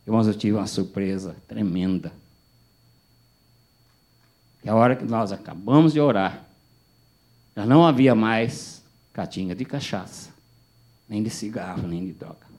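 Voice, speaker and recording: A pastor tells a testimony to his congregation with animated storytelling and acted-out dialogue. His voice sits low and sounds mellow and relaxed. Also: normal speed. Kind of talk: sermon testimony.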